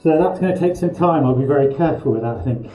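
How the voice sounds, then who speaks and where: A man's voice: fairly high pitch, fast, warm tone, soft background music. A man vlogging his home renovation, out of breath and sweating between bouts of demolition work. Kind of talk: casual vlog commentary. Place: indoor room under renovation. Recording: echoey bare room.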